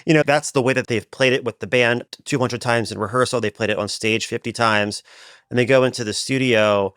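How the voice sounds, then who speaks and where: A man's voice: mid-range voice, fairly even intonation, a little fast, a bit bright, clean tone, no room sound, clean studio sound. Tired man chatting as podcast co-host. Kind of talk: casual chat.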